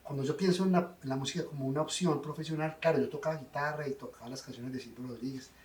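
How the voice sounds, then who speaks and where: A man's voice: medium pitch, fairly even intonation, fast talker, recorded from a distance. A middle-aged man, answering interview questions in a wry, self-deprecating way. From Colombia. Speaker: guest songwriter. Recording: roomy, off-mic sound.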